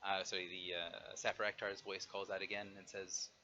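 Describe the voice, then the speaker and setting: A man running an online tabletop game as game master, explaining and narrating in a halting way. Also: sits low, flat delivery, bright, forceful tone. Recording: dull audio with faint noise.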